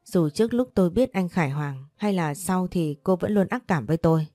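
A woman's voice: fairly low pitch, animated, brisk, mellow, dry recording, clean studio sound, soft background music, close to an everyday voice. Woman voicing a desperate pleading mother. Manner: pleading, urgent. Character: desperate protective young mother.

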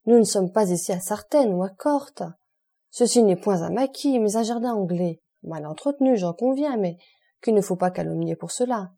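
A woman's voice: mid-range voice, expressive, moderate pace, warm tone. A woman reading the part of a commanding aristocratic count in an audiobook, imperious, dry and mocking toward his servant. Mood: cool commanding. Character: commanding aristocratic male count, cool and ironic.

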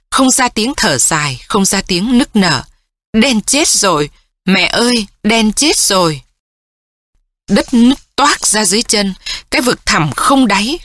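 A woman reading a novel aloud in calm, measured scripted narration, raising her voice for the daughter's lines. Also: mid-range voice, no echo, studio quality. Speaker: audiobook narrator.

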